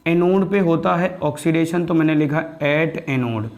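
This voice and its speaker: Man teaching chemistry, slightly high voice. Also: a little slow, darkish tone. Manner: asks students questions and answers them himself; calls students "beta" and "bhaiya". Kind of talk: classroom lecture.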